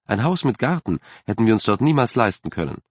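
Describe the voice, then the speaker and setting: A man's voice: fairly low pitch, big pitch swings, brisk, breathy edge, no room sound. A man voicing an enthusiastic, house-proud middle-aged mother in an audiobook. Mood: coaxing. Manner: gushing, enthusiastic. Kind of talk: audiobook character voice. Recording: dry, slightly dull recording.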